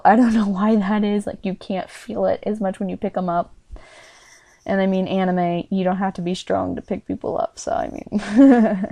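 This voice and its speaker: A woman speaking softly in a casual review, warm and mellow in tone. She hesitates, fills gaps with ums and likes, and keeps apologizing. The sound is dry and close, with no room around it. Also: medium pitch, gravelly, dry recording. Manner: hesitant and apologetic, many fillers; speaking quietly. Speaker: character reviewer.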